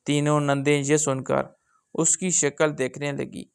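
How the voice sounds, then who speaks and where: A man narrating a family drama story in a steady storytelling manner. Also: on the high side, gravelly, clean tone.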